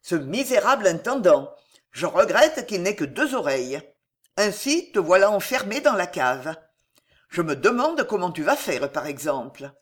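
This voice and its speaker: A reader voicing a gruff, blustering old soldier father in an audiobook. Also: mid-range voice, big pitch swings, normal speed, a bit bright. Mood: indignant. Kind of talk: audiobook character reading.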